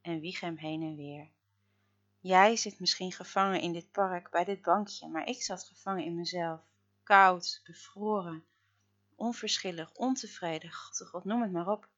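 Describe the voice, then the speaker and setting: Lowish-voiced woman narrating a dramatic story. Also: fairly even intonation, measured pace, dull audio. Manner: dramatic, swinging between loud outbursts and hushed murmurs. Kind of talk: first-person story narration.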